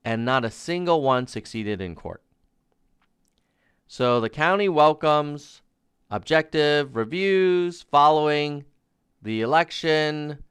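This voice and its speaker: A man's voice: a little high, a bit bright, clear, resonant tone, no room sound, clean studio sound. A man giving live-stream political commentary, reading documents aloud in an emphatic, sarcastic, incredulous debunking manner, repeating key phrases.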